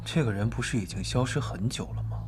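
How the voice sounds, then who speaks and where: An actor playing a calm, clever young nobleman who speaks quietly and with measure. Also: medium pitch, over music, lightly acted. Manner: quiet, measured, sometimes whispering. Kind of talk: period drama acting.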